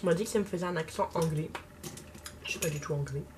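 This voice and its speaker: A woman's voice: low voice, quick pace, background noise. A young woman with a slight lisp, chatting casually and hesitantly while doing her makeup for a vlog. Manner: hesitant, many fillers. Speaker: makeup vlogger.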